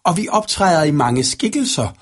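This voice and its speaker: A man voicing three menacing dark sorcerers who hiss their threats in a storybook reading. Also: a little high, big pitch swings, pitched above the performer's own voice. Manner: hissing, menacing.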